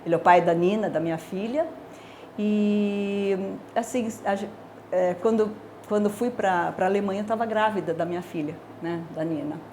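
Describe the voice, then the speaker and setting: A woman in her sixties with a Brazilian Portuguese accent, a dermatology professor, gives a personal testimony about her career, reflective and hesitant with many fillers. Her mid-range, darkish voice moves at a moderate pace, with a slight hiss or hum in the recording.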